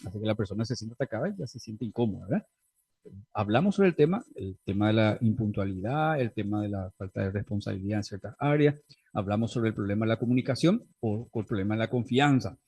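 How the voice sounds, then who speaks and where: A man with a medium-pitched, darkish, husky voice teaches a faith-based class on family conflict. His style is conversational, and he often checks in with listeners through frequent tag questions.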